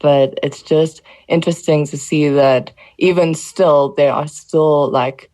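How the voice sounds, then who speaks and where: A woman's voice: low-pitched, steady tone, slow, dark tone, rough recording. A woman from South Africa co-hosting a podcast, speaking thoughtfully and hesitantly. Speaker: podcast co-host. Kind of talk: casual chat.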